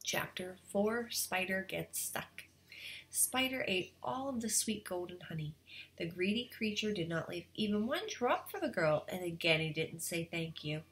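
A woman's voice: lowish voice, measured pace, low-quality recording. A woman teacher reading a storybook aloud to students and explaining the lesson. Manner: expressive, explaining.

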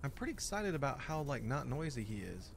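A young man hosting a gaming video, talking casually and excitably as he plays and reacts. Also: medium pitch, a little fast, creaky, background noise. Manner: excitable, jokey, exclaims often. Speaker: gaming channel host. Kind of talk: let's play commentary.

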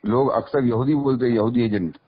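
A man's voice: medium pitch, fairly even intonation, racing, breathy edge. A man on a phone call, earnestly making long explanations in formal, religious vocabulary. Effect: heard over a phone line. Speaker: online video maker taking a call. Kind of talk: casual phone conversation. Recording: muffled phone call recording.

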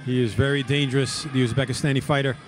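A man's voice: medium pitch, flat delivery, fast talker, music in the background. A man giving live, analytical sports commentary as a fight commentator.

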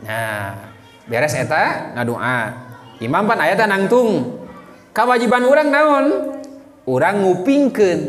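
A man with a Sundanese accent giving an animated Islamic study lecture, often quizzing his listeners with questions. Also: on the high side. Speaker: Islamic teacher. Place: mosque hall. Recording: echoey hall reverb.

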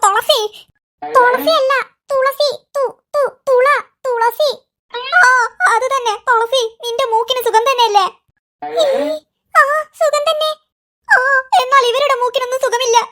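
A performer voicing squabbling cartoon kids and their mother, bickering in a squeaky, sped-up comic style. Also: pushed and bright. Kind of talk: cartoon character voices.

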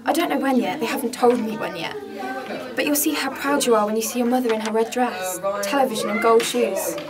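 A woman auditioning as an excited middle-aged mother who dreams of being on television, reading in an animated, insistent way. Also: on the high side, brisk, over a noisy crowd, close to an everyday voice. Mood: proud, excited. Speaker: auditioning actress.

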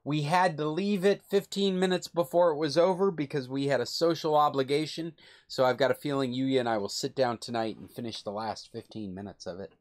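A man's voice: medium pitch, fairly quick. An older man hosting a club video call, casually recommending a film in a rambling, enthusiastic, self-correcting way. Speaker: club host.

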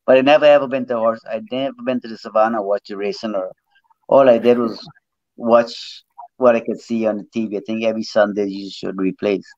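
As a guest on a video call, a middle-aged ex-jockey raised in Guyana but from Trinidad spins a long, rambling life story with plenty of repeated words. He has a lowish, darkish voice with a steady tone and a slightly fast pace, recorded dry over somewhat dull audio.

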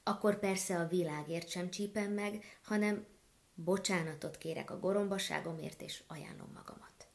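A woman's voice: fairly low pitch, vocal fry. A woman voicing an indignant, bossy male gander who hisses his complaints in a storybook tale. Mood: apologetic. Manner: hissing, grumbling complaints.

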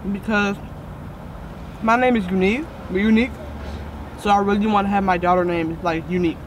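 A young woman in her twenties chatting casually in a car, telling a relaxed story with her mouth partly full of fries. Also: medium pitch, fairly quick. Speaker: vlogger answering viewer questions. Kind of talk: casual chat over food. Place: inside a car. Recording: outdoor traffic noise around a car.

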